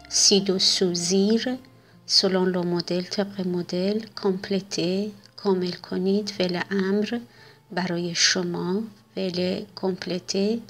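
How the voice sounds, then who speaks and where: Gravelly-voiced woman teaching French. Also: medium pitch. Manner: explains step by step, reading French words slowly then translating. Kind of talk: recorded language lesson.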